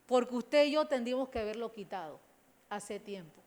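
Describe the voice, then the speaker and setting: Panamanian woman pastor, middle-aged, high voice, emphatic sermon delivery. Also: expressive, moderate pace, a little mellow. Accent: Panamanian Spanish. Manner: preaching with rising emphatic bursts, addressing listeners as brothers.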